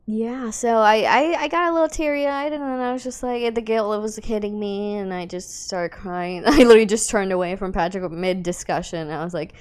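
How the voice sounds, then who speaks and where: A woman's voice: mid-range voice, normal speed, few pauses, a little mellow, clean tone. A young woman co-hosting a podcast, chatting casually and laughing often as she tells an emotional story. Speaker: podcast co-host. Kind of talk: casual chat.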